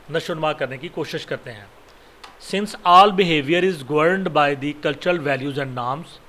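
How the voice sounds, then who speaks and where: A Pakistani-accented man gives a recorded university lecture in a slightly high voice. He reads each English line slowly and carefully, then explains it at a quicker pace with hesitant fillers. A faint hiss sits under the recording. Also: fairly bright tone.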